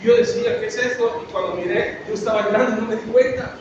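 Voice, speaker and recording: A man's voice: very high voice, fast talker, far from the mic. A man preaching a sermon as a pastor, earnest and story-driven, drawing out his words for emphasis. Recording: echoey, dull, noisy from afar.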